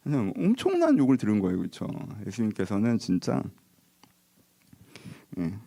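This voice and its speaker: Animated male pastor preaching. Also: lowish voice, moderate pace, creaky. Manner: animated storytelling, acting out dialogue. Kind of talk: sermon.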